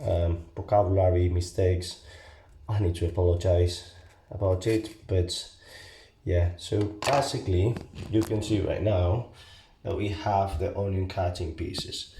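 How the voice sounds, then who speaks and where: A man with a Basque accent and non-native English gives a casual, halting, step-by-step cooking tutorial as an amateur home cook. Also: low-pitched, fairly even intonation, warm tone. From Basque Country. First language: not English. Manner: halting, step-by-step, often checking with "okay?". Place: home kitchen, indoors. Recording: echoey room, background hiss and clicks.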